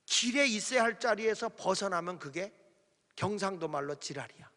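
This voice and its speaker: High, bright-voiced man preaching a revival sermon. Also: lively intonation, moderate pace, in a large hall. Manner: folksy, humorous, calls for congregation to repeat. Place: church sanctuary.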